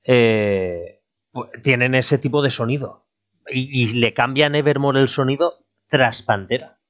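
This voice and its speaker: A man with a mid-pitched voice hosts a relaxed podcast chat, correcting himself as he goes. The sound is somewhat muffled and lo-fi. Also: measured pace. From Spain. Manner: relaxed, conversational, lists band details with self-corrections. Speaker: podcast host. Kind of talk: casual chat.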